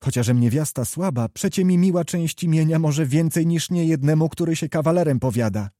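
A man's voice: fairly high pitch, fairly quick, warm tone, no room sound, clean studio sound, voice pushed up, lightly acted. A man voicing a stern young noblewoman. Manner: reproachful, earnest pleading. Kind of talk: audiobook character reading.

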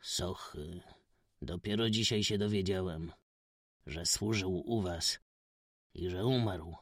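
A man voicing a reserved, weary gentleman stranger, speaking softly and slowly in a measured way. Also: deep voice, dry recording, clean studio sound. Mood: subdued sorrowful. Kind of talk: audiobook character voice.

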